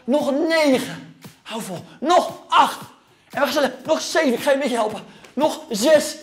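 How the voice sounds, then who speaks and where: A man's voice: very high-pitched, normal speed, faint music behind. A man in his thirties coaching a children's home workout, cheering them on and counting down reps while exercising himself and a little out of breath. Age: 30s. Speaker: fitness coach for kids. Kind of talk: energetic workout instruction. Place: gym.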